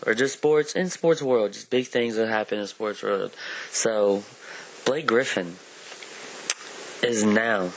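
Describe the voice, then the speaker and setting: A man co-hosting a casual chat about movies and sports, rambling with lots of fillers. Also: on the low side. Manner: rambling, filler-heavy, hedging. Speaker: podcast co-host.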